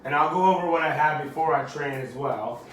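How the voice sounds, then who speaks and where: A man in his thirties with a raspy, throaty voice, hoarse from a recent illness, chatting casually and off the cuff to camera as a fitness vlogger. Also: on the high side, fairly quick, background noise. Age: 30s. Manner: informal, rambling, unscripted. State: hoarse, getting over being sick.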